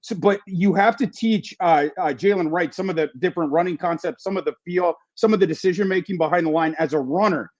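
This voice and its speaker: A man giving fantasy football analysis in a casual podcast chat, talking quickly and restarting his sentences. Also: high-pitched, dull audio. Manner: fast, repeats words and restarts often.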